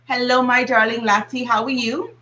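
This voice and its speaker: A woman's voice: fairly high pitch, fairly even intonation, normal speed, bright, forceful tone, dull audio, a little hiss or hum. A Bahamian woman hosting a live stream, effusive and chatty, calling her audience darlings. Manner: exuberant, effusive, calls the audience darlings and y'all. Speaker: host.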